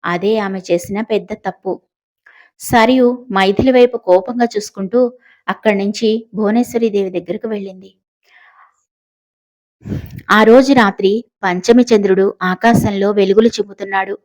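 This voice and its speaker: A woman narrating a suspense novel in steady storytelling style. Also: mid-range voice, moderate pace, pauses often. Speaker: audiobook narrator. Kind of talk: scripted narration.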